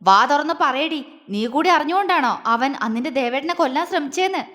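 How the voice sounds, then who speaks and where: A woman's voice: high voice, animated, fairly quick, in a large hall. A woman voicing a furious young wife. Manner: fierce, shouting accusations.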